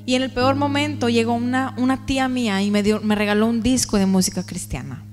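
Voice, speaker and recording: A woman's voice: on the high side, fairly even intonation, brisk, a little mellow, in a large hall, faint music behind. A woman giving an earnest, emotional testimony to a church congregation, often asking the listeners questions. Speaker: testimony speaker.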